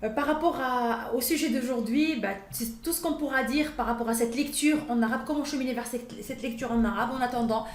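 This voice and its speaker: This woman teaches the Quran and grew up speaking Arabic; in a relaxed interview recorded in an echoey space, she stumbles with frequent fillers and restarts. Her high voice is brisk, with hardly any pauses.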